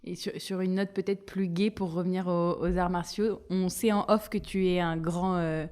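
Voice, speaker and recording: A woman's voice: on the low side, fairly even intonation, moderate pace, darkish tone. A woman hosting an interview podcast, introducing her guest in an upbeat, chatty way. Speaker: podcast host.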